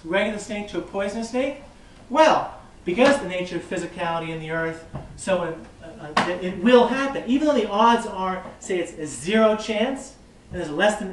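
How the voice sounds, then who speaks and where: A man, a rabbi, giving an informal classroom lecture, lively and conversational, joking with and quizzing his listeners. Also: sits high. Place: classroom or study hall. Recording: echoey room, mic far off, faint background hiss.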